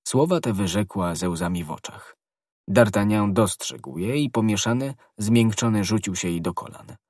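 A man reading an audiobook in a steady, measured narration. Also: on the low side, no room sound, studio quality. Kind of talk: scripted narration.

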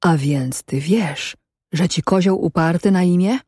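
A storyteller voicing a nosy, suspicious village man in an audiobook, asking slow, pointed questions. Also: mid-range voice, darkish tone, slightly rough, no room sound, studio quality. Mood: suspicious prying. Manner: slow, probing, emphatic questions.

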